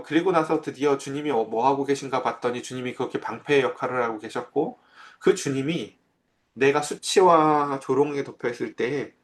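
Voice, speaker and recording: A man preaching a sermon as pastor, in a conversational way that keeps asking his listeners questions. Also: mid-range voice.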